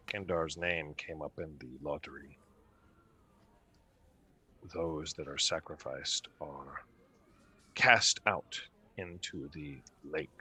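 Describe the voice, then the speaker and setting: Man voicing a polite human innkeeper, very low pitch, slow, courteous. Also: pushed and bright, slightly rough, exaggerated voice. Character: polite human male innkeeper, wary and mannerly.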